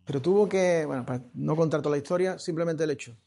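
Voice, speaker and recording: A pastor preaching a sermon, repeating key phrases and swinging between hushed and loud passages. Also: male voice, a little high, quick pace, vocal fry. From Spain. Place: church.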